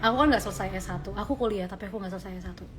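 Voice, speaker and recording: A woman's voice: mid-range voice, very fast, over music. A woman in her twenties talking casually on a livestream, answering viewers' questions with earnest, faith-centred advice. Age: 20s.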